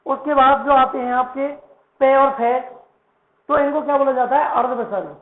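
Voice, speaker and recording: In this classroom lesson, a male Sanskrit teacher speaks at normal speed in a very high voice. He repeatedly asks and answers his own questions and repeats words to drill pronunciation. The sound is tinny, like a phone, and the room echoes.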